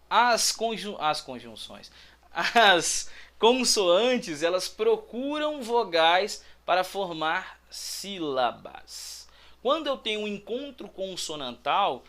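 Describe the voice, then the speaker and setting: A male teacher from Brazil explaining an exam question in a lively, chatty way, often checking in with his students. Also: high voice. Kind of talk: exam-prep lesson. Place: prep school classroom or studio.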